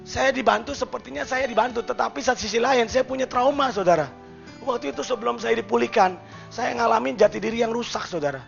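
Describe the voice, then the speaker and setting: Male pastor, high gravelly voice, sermon swinging loud to hushed; lo-fi church tape, faint music. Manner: swings between loud calls and soft hushed passages, addresses listeners as "saudara".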